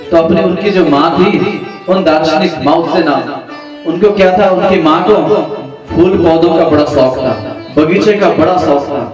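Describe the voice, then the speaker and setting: A male spiritual teacher telling a parable in a devotional sermon, repeating phrases as he goes. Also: on the high side. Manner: storytelling, repetitive, devotional. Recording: echoey room, distant mic, sitar music. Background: sitar music.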